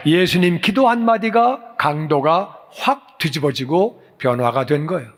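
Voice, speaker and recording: A male pastor preaching a sermon in a church, animated and acting out dialogue with a raised voice. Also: fairly high pitch, measured pace. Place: church sanctuary. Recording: reverberant church hall.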